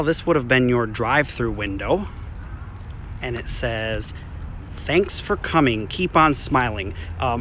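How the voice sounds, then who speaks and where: Here a vlogger in his thirties strolls around outside an empty restaurant before sampling food in a diner, narrating in a relaxed, chatty way full of ums. His voice is mid-range with a fairly bright tone. He records on a phone camera at arm's length, picking up a little hiss or hum.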